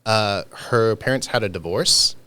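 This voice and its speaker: A man co-hosting a podcast in casual chat, relaxed and laughing often. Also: lowish voice, measured pace, clear, resonant tone. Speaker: podcast co-host.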